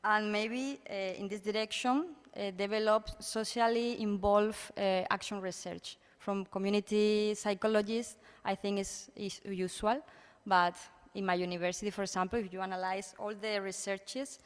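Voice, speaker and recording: A woman with an Andalusian Spanish accent gives an informal conference talk in halting non-native English, searching for words. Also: medium pitch, fairly even intonation, clear, resonant tone. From Andalusia, Spain. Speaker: university researcher speaking at a symposium. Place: conference room. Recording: echoey hall with long reverb.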